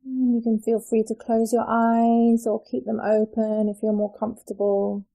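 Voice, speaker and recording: A meditation teacher leads a yoga nidra relaxation, her voice soothing, gentle and unhurried, with pauses. It sits a little high, stays monotone and sounds creaky, and the recording is rough.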